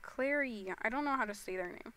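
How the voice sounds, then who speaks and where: A woman's voice: a little high, brisk, pushed and bright. A teenage girl streaming a game, talking casually and rambling with lots of fillers. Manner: rambling, chatty, full of fillers like "you know" and "like". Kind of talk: casual game livestream chat.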